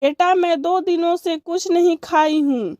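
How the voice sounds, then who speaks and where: A woman's voice: very high voice, unhurried, warm tone, no room sound, dull audio. A woman voicing a hungry, pleading old female bird in a cartoon story.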